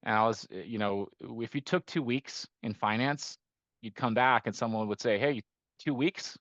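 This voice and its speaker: A man's voice: medium pitch, moderate pace, fairly bright tone, dry recording. Reflective man, dry muffled podcast sound. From Costa Rica. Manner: thoughtful, many restarts and "right?" tags. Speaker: guest, investment firm managing partner. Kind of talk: conversational podcast interview.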